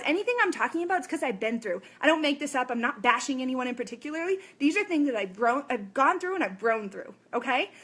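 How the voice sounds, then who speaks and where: A woman's voice: high-pitched, bright, forceful tone. A woman in her thirties, a fitness coach, giving a blunt ranting motivational talk, swearing and asking "okay?" and "guess what?".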